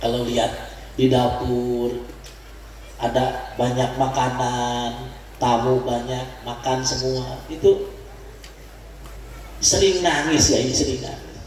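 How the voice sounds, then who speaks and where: A man's voice: mid-range voice, fairly even intonation, slow, long pauses, darkish tone, a little hiss or hum. A man preaching with a Sundanese accent, leading the congregation in call-and-response and chuckling between points. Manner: leads the crowd in call-and-response, chuckling often. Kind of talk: religious study sermon to a congregation. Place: large hall at a religious gathering. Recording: echoey hall, voice from far off.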